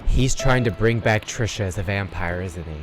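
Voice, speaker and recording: A man giving casual horror game commentary as a streamer, excitable and full of teasing jokes. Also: lowish voice, normal speed, over music.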